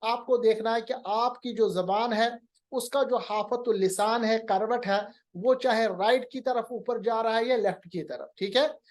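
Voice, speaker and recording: A man's voice: extremely high pitch, steady tone, measured pace. A man teaching Quran recitation in a recorded lecture, patiently explaining, mixing in English terms and drawing out sounds to demonstrate them.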